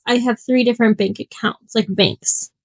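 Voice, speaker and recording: A young woman co-hosting a podcast, chatting casually in an animated, teasing way and laughing often. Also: fairly high pitch, normal speed, no echo, rough recording. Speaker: podcast co-host. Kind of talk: casual chat.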